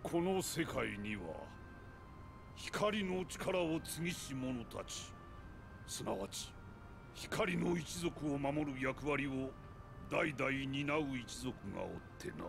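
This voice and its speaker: An actor playing an old king and sworn guardian in a video game, speaking gravely in archaic old-man speech. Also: medium pitch, animated, takes it slowly. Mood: solemn, regretful. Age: older. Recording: music playing behind the voice.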